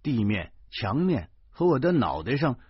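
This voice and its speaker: A man's voice: mid-range voice, big pitch swings, measured pace, breathy edge, no room sound. A man with a Beijing accent reading a first-person novel aloud, animatedly acting out the dialogue. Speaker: audiobook narrator. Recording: dry dull lo-fi recording.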